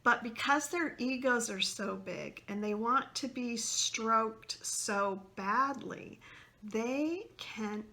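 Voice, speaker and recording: A woman talking straight to the camera in a slow, unhurried way. Her voice is bright and clear, with an earnest, explaining tone that now and then sinks to a whisper. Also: on the high side. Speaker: self-help video host. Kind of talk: casual talk to camera.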